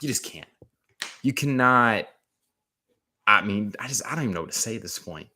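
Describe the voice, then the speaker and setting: Deep-voiced man ranting casually about football. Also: expressive, very fast, sharp tone, slight background noise. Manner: rambling, slangy, frequent "man" and "dude". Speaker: sports commentator. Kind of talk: casual sports talk.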